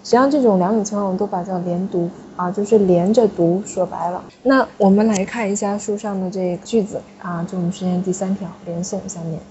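A woman's voice: medium pitch, fairly even intonation, fast talker, hardly any pauses, mellow, a little hiss or hum. Patient woman teaching in class, dull recording. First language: Chinese. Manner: patient, explanatory, frequent tag questions. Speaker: French teacher. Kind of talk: classroom lesson.

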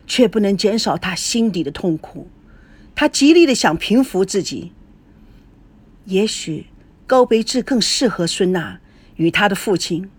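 Woman, audiobook narrator, measured storytelling, husky breathy voice at a middle pitch. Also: a little mellow.

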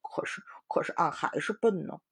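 A woman's voice: moderate pace, close to an everyday voice. A woman voicing a greedy, lazy male pig demon who groans and whimpers in a storybook reading. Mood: whiny.

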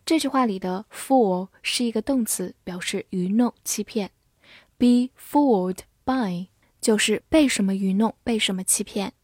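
A woman teaching English vocabulary in a scripted lesson. She spells words letter by letter and reads the example sentences slowly. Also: mid-range voice, darkish tone, breathy edge, dry recording, clean studio sound.

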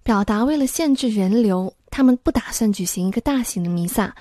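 A woman teaching English vocabulary in a scripted lesson, explaining in Mandarin and reading English examples slowly and clearly. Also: mid-range voice, lively intonation, mellow, no echo.

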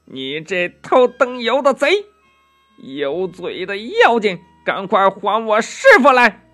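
A man playing a hot-tempered monkey hero in a children's storybook, high and sharp in the voice and full of defiance. He speaks at an unhurried pace over faint music. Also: huge pitch swings, slightly rough, exaggerated voice. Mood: angry. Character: bold, fiery young male monkey hero.

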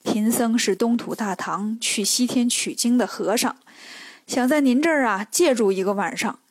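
A woman's voice: a little high, moderate pace, no echo, close to an everyday voice. A woman voicing a polite, naive male monk master who speaks plainly. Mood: earnest.

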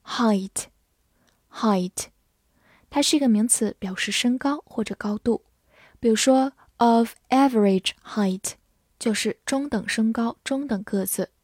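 A woman teaching English vocabulary, spelling each word letter by letter and reading the example sentences slowly, phrase by phrase. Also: a little high, a little mellow, no echo, clean studio sound. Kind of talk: scripted vocabulary lesson.

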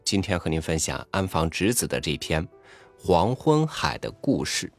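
A man reading a story aloud in a soft, intimate, expressive way, sometimes dropping to a hush. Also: deep voice, moderate pace, vocal fry, soft background music.

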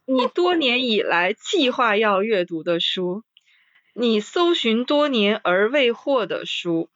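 A woman in a casual podcast chat about books, reading list items slowly and then commenting with sighing interjections. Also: on the high side, very animated, fairly bright tone, dry recording, lo-fi sound.

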